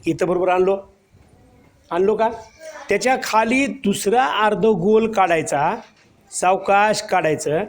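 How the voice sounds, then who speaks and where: A man's voice: high-pitched, unhurried. Patient male teacher drilling young pupils. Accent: Marathi. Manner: patient, repeats questions and answers to children. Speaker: primary school teacher. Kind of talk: classroom teaching of first-grade children.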